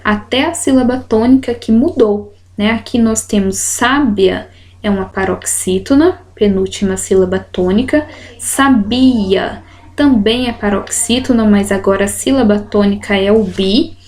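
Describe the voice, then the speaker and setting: A woman with a Brazilian Portuguese accent teaching a grammar lesson, explaining slowly and checking in with her students as she reads example sentences aloud. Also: mid-range voice, darkish tone.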